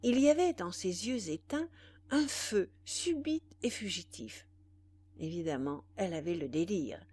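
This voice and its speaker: Woman narrator, classic novel audiobook, very slow, mid-pitched, dramatic. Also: a little mellow, a little hiss or hum.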